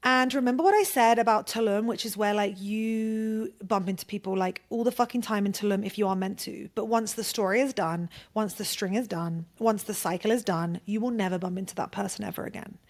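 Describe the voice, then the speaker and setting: Woman podcaster telling a story, super chatty, lots of "like", swears a bunch, mid-pitched voice. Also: fairly even intonation, brisk, hardly any pauses. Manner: chatty, swears freely, heavy use of "like". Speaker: podcast host. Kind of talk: casual storytelling monologue.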